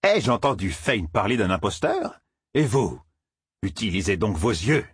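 Guy doing a cranky old roofer, shouty, voice jumps all over, husky. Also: fairly low pitch, big pitch swings, a little slow, no echo, studio quality, heavily acted. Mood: indignant. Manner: shouting, scolding. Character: cranky old male village roofer, indignant. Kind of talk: audiobook character voice.

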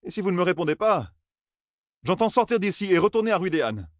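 A man's voice: sits high, big pitch swings, fairly quick, no echo, voice pushed up. A man voicing a brash, angry young man who curses and demands answers, in a dry, close audiobook reading. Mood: angry demanding. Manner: shouting, exasperated.

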